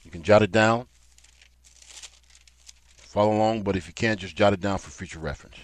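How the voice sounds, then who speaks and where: A man's voice: lowish voice, brisk. A man preaching a Bible lesson. He reads verses aloud in old-fashioned wording, then explains them and grows emphatic. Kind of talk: Bible teaching sermon.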